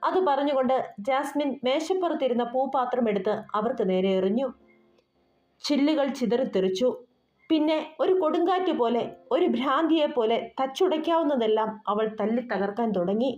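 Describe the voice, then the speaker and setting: A woman's voice: sits high, lively intonation, moderate pace. A woman narrating an audio novel in a dramatic storytelling manner. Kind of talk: scripted narration. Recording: roomy dull recording with soft music.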